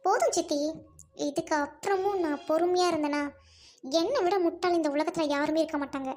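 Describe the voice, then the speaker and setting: A woman's voice: very high voice, a little fast, a little mellow. A woman playing a defiant young married woman who fiercely accuses her uncle in an amateur drama skit.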